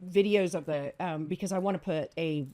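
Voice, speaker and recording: A woman's voice: fairly low pitch, normal speed. Laughing woman podcast host. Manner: laughing, animated storytelling. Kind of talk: casual chat.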